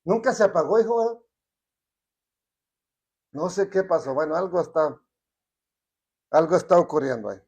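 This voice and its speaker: A man teaching a Bible study in a conversational way, often checking in with rhetorical questions. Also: very high-pitched.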